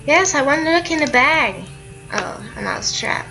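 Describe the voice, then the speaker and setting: Bright-voiced woman chatting through a game. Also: high voice, expressive, measured pace, vocal fry, faint music behind, low-quality recording. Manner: chatty, reacts aloud to what she sees. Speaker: let's play gamer. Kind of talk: casual game commentary.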